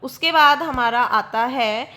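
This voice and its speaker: A woman's voice: sits high, slow pace, sharp tone. A woman teaching a grammar lesson, explaining patiently and repeating examples with frequent checks.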